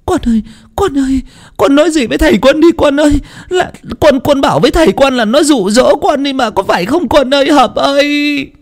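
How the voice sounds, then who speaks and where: A desperate old village wife wails and begs in a high, strained falsetto. Her voice climbs far above the narration, full of sobbing pleas. It sits in a spoken audio story. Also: very animated, normal speed, warm tone. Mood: wailing pleas. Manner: wailing, sobbing, begging.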